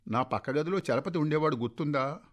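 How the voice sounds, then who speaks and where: A man's voice: on the high side, brisk, pitched above the performer's own voice, lightly acted. A man doing a gleeful, unhinged old father. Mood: eerily gleeful. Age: 60s. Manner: cheerful, laughing and rambling.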